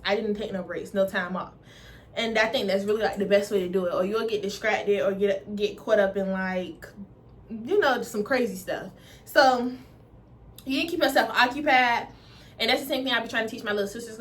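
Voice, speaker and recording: A woman in her twenties with a stuffy nose, chatting to camera in fast, slangy talk. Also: on the high side, a bit bright. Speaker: vlogger. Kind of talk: casual chat to camera.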